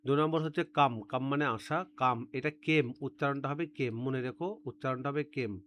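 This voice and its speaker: A man's voice: mid-range voice, fairly even intonation, quick pace, fairly bright tone, a little hiss or hum. A male teacher giving a step-by-step grammar lesson, repeating words and spellings so students can drill them. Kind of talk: classroom-style grammar lesson.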